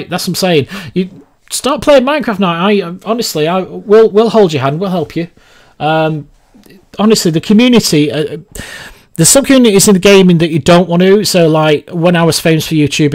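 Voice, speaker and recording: Guy streaming and chatting, fairly high voice, rambles on and laughs a lot. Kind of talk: casual livestream chat.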